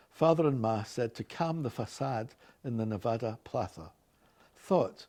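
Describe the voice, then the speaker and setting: A man's voice: mid-range voice, dark tone. A man in his late sixties with a Glasgow Scottish accent. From Glasgow, Scotland. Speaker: organist. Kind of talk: reading accent sample passages and word lists aloud; casual chat about his own life.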